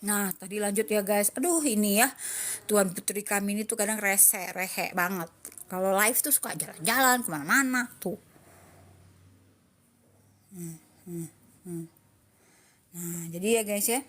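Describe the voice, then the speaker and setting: A woman's voice: mid-range voice, measured pace, pauses often, a bit bright. A woman chatting casually on a live stream about her day, rambling to her viewers and now and then cooing at her cats in baby talk. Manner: calls her cats in baby talk, calling herself Mami. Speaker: cat owner live-streaming.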